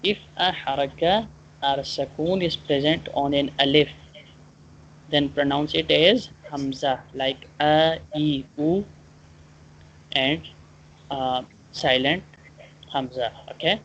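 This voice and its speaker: In a one-on-one online lesson, a Quran teacher explains and drills pronunciation haltingly, going back over points and frequently checking that the student understands. His voice is mid-range and a bit bright. The call has dull lo-fi audio with clear background noise.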